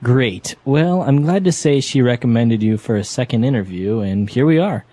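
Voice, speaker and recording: A man's voice: medium pitch, lively intonation, moderate pace, mellow, no echo, lightly acted. A man playing a polite manager who is interviewing a job candidate, speaking formally in a scripted lesson dialogue. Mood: courteous. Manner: courteous, formal.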